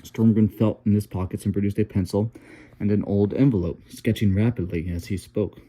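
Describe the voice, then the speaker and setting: A male audiobook narrator reads a novel at a steady, unhurried pace, stumbling over a word now and then. His voice sits low. The tone is very dark and mellow throughout. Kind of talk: reading a novel aloud.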